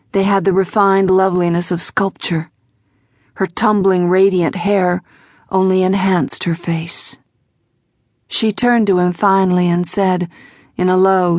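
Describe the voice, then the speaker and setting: A woman narrating an audiobook in measured, even storytelling. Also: on the low side, dry recording, clean studio sound. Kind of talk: scripted narration.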